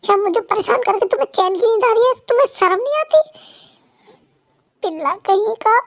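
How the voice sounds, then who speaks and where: A woman's voice: extremely high pitch, steady tone, fairly quick, dry recording, studio quality. A woman voicing a sore, angry young wife scolding her husband, in an amateur fan dub. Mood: whiny scolding. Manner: whiny, scolding.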